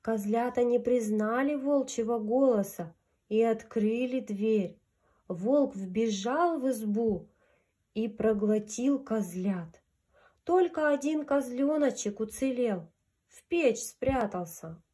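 A woman's voice: a little high, lively intonation, slow, mellow, husky. A woman reading a fairy tale aloud to young children in a sing-song storyteller's manner. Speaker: children's storyteller fronting a puppet.

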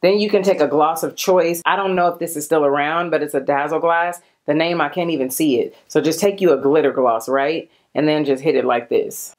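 Young adult female beauty vlogger, lower-pitched, playful sing-song chat on a handheld mic. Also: a little fast, few pauses, darkish tone. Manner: playful, sing-song, jokes and breaks into rhymes. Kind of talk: casual chat.

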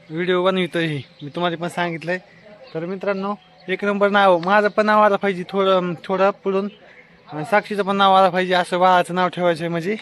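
A young man from Maharashtra, a family vlogger, chatting casually and repetitively to his viewers outdoors by his house on a phone camera. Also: sits high. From Maharashtra, India. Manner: chatty and repetitive, often calling loudly to his wife. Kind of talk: casual vlog talk to viewers.

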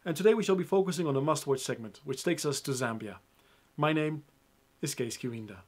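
A man's voice: on the high side, brisk, a little mellow. A young man presenting a film review to camera in an upbeat, emphatic way, speaking straight to his viewers.

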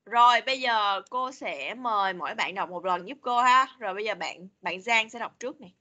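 A woman English teacher leading an online class for children, patiently repeating words slowly for them to copy. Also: medium pitch, animated, sharp tone. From Vietnam. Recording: video call meeting recording.

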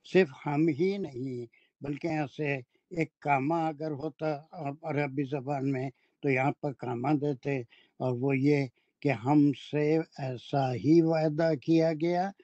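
A man teaching Quranic Arabic grammar in a classroom lecture, explaining slowly and deliberately with anecdotes. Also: on the high side, steady tone, mellow, dry recording, highs cut off.

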